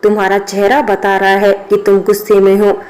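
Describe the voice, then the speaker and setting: Brief: a sarcastic young drinking man, level monotone delivery, a woman reading him. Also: mid-range voice, normal speed, lightly acted. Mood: teasing. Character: brash young man who drinks, gruff then teasing.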